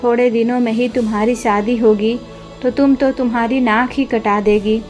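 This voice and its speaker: A woman's voice: a little high, steady tone, normal speed, faint music behind, natural voice. A woman voicing a stern young man who angrily lectures his younger sister. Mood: angry. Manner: shouting, lecturing. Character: stern angry elder brother, young man.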